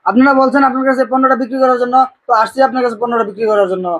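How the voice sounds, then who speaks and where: A man's voice: extremely high pitch, fairly even intonation, racing, a bit bright, highs cut off. A man playing a naive, cheeky young job applicant in a comedy sketch.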